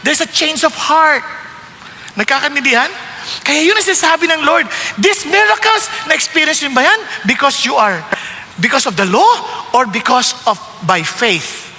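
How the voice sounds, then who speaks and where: A Filipino pastor with a very high, bright voice preaching in a reverberant hall. He mixes Tagalog and English and keeps asking his listeners questions, with faint room noise behind him. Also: very animated, normal speed. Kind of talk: sermon.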